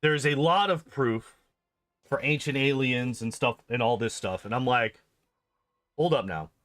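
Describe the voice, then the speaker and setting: A game streamer and video host chats casually on a livestream, rambling and emphatically repeating phrases to drive his points home. His mid-range voice is a bit bright and unhurried, in a dry recording.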